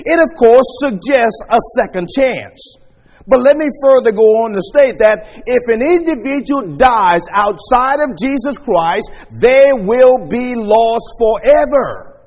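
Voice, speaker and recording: A man preaching a sermon at a pulpit microphone, teaching in a measured way as he walks his listeners through scripture verses. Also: very high voice, lively intonation, darkish tone, long reverb tail.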